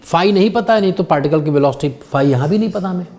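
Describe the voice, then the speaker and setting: A man's voice: sits high, fast talker, darkish tone. A male physics teacher giving a classroom lecture, patiently quizzing his students as he works through problems.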